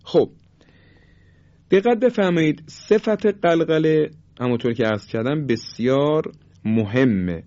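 Man slowly teaching Quran recitation rules. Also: a little high, expressive, dark tone. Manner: slow, drawn-out demonstration of letter sounds. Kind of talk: tajweed lesson. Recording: muffled lo-fi recording.

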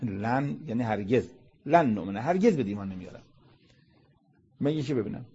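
A man's voice: mid-range voice, lively intonation, warm tone, slightly rough, highs cut off. A man lecturing on Quran verses in a conversational sermon style, asking rhetorical questions and reciting Arabic verses before explaining them.

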